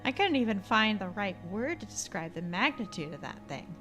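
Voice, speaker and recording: A woman's voice: medium pitch, very animated, moderate pace, a bit bright, soft background music. A woman reading game dialogue aloud in a theatrical manner, breaking off for casual asides.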